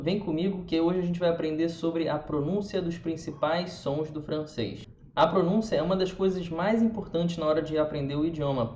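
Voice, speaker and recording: A man with a Brazilian Portuguese accent teaching a pronunciation lesson, demonstrating sounds slowly and repeating them for the viewer. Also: on the high side, a little mellow, slight background noise. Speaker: language teacher. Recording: roomy, dull lo-fi sound.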